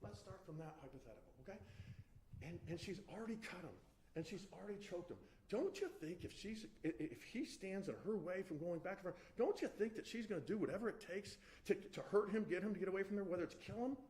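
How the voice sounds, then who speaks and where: A man's voice: high-pitched, fast talker, darkish tone. A man giving a courtroom closing argument as defense attorney, emphatic and pressing, often restarting his sentences as he turns to the jury. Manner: emphatic, addresses the jury repeatedly, frequent restarts.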